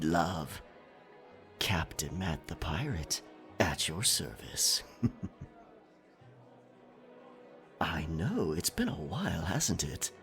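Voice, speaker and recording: A man's voice: low-pitched, exaggerated voice. A man playing a roguish, flirtatious, cocky pirate captain in a theatrical, teasing audio roleplay. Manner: teasing, theatrical, drawn-out delivery with chuckles. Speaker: voice actor. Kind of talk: romantic roleplay ASMR acting.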